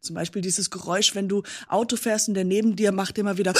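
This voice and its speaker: A woman's voice: medium pitch, fairly even intonation, quick pace. A woman on a comedy panel delivering a playful, mock-grand monologue, drawing out phrases for effect. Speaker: panel player.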